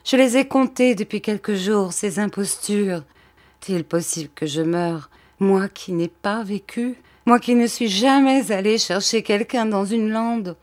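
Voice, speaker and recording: A feverish dying noblewoman in a storybook reading, voiced by a woman. She pleads in a high, breathless, childlike voice, clinging to life. The lines come slow and fragile. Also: fairly even intonation, darkish tone, dry recording, close to an everyday voice. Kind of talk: audiobook character voice.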